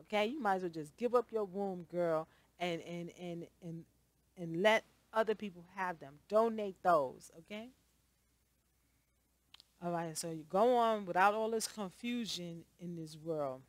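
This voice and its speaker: A woman's voice: lowish voice, unhurried, no room sound. A woman vlogger talking in an emphatic, repetitive rant, often tagging her points with "okay?". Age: adult. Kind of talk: casual ranting commentary.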